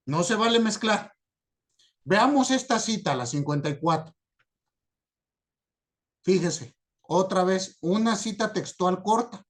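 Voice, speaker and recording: Slow, high-voiced male teacher. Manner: slow, patient, checks understanding often. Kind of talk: recorded lecture on citation format.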